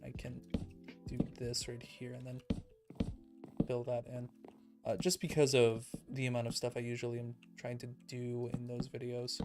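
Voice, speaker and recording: A man casually commenting on his own gameplay as a streamer, relaxed and self-deprecating, thinking out loud and a little out of breath. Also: medium pitch, normal speed. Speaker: let's play streamer. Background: background music.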